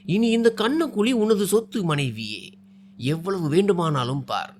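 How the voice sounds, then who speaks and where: A man's voice: high-pitched, very animated, unhurried, darkish tone, slight background noise. A charming, possessive young man, read by a male storyteller in a storybook tale, teasing and coaxing with a voice that rises and dips a lot. He is sure of himself and can turn cold and menacing. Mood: tender.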